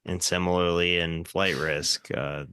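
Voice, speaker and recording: A man's voice: sits low, level tone, unhurried, bright, forceful tone, clean tone, dry recording, clean studio sound. A man co-hosting a podcast, chatting casually about films and hesitating often with "uh" and "like". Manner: hesitant, filler-heavy, with many "uh"s and "like"s. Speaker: podcast co-host. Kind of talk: casual film discussion.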